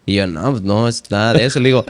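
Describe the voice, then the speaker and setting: A Mexican man in his twenties, a poet and language teacher, is a guest on a casual podcast, performing his own quoted lines as he tells stories with a Mexican Spanish accent. His voice is lowish, he talks fast, and there's no room sound.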